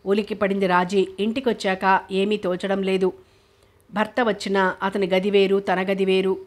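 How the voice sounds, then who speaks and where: Woman, audiobook narrator, flat even pitch, mid-range voice, steady storytelling. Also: moderate pace. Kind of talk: novel audiobook reading.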